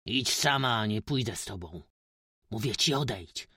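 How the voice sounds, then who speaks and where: A man voicing a young village man, speaking roughly and with hostility, in a dry, close recording. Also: on the low side, fairly even intonation, slow, no echo, heavily acted. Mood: bitter. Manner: rough, hostile muttering and shouting. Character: young peasant man, bitter and defiant.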